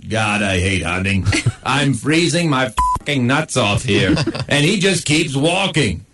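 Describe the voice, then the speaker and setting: A man's voice: medium pitch, big pitch swings, a little slow, voice pushed down. A man doing a grumpy, sarcastic pet dog. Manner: sarcastic grumbling. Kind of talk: comic voice acting.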